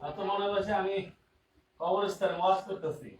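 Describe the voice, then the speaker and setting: A man's voice: sits high, fairly even intonation, fairly quick, slight background noise. A male teacher gives an online grammar class, repeating key terms and often checking whether students follow. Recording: roomy and distant with faint ambience.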